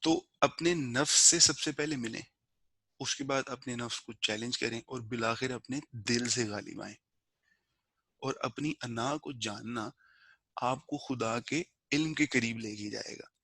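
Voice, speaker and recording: A man talks through a spiritual lesson the way a teacher explains to friends, unhurried and conversational, now and then dropping in English words. His voice sits at an ordinary middle pitch. The recording is dry and close, with no room sound. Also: sharp tone, husky, no room sound. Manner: slow measured recitation of a prayer verse.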